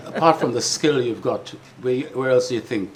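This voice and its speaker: Older male interviewer on stage, mid-pitched, measured and probing, faint room hum. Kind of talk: live on-stage conversation. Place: talk venue with an audience.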